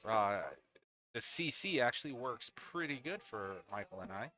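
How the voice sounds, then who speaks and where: A man giving live play-by-play at an amateur pool final, his voice bright and forward with a lot of lift and fall in the pitch. He chats easily with his partner between shots. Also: lively intonation, moderate pace. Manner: chatty, talks to co-commentator between shots. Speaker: pool match commentator. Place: indoors at a pool league venue.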